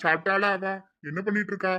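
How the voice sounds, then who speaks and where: A man voicing an earnest, worried middle-aged father who speaks quietly. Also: high-pitched, fairly even intonation, quick pace, soft background music. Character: middle-aged father, worried and set on marrying off his daughter. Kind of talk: hobby audio drama.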